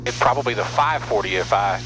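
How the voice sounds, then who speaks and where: A middle-aged American man pilots a small propeller plane and talks fast in a fairly low voice, casually explaining things for his vlog. His words go through an aviation headset mic. Engine hum is loud, and the intercom is audible.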